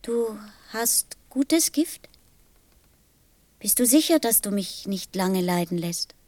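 A woman in an audio drama playing a gentle, serious little boy prince from another planet. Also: mid-range voice, expressive, slow, dry recording. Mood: anxious, resolute.

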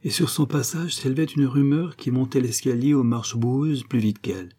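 Male audiobook reader, dark mellow tone, husky, measured novel reading. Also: medium pitch. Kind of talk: novel read aloud.

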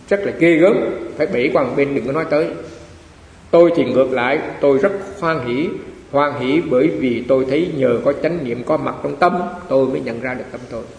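A man's voice: mid-range voice, creaky, a little mellow. A man, a monk giving a Dharma talk in a chatty storytelling way, often repeating phrases. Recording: echoey hall with faint hiss.

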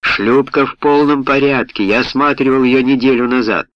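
A man reading aloud, voicing an impatient, bullying ship's mate who shouts angrily, on a dull, dry lo-fi recording. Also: mid-range voice, moderate pace, dry recording, pitched above the performer's own voice, lightly acted. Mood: angry.

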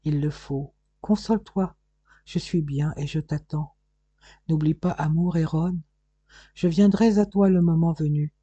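A man's voice: on the high side, steady tone, measured pace, mellow, slightly rough, no echo, highs cut off. A man voicing a loving woman saying farewell in an audiobook, tender and reassuring.

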